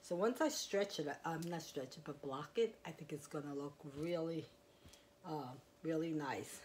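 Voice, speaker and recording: A woman's voice: low-pitched, moderate pace, a little mellow, slight background noise. A woman vlogging at home, chatting about her crochet in a rambling, casual way. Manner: rambling, chatty, with fillers and small laughs. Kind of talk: casual show-and-tell. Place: quiet home, indoors. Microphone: clip-on mic.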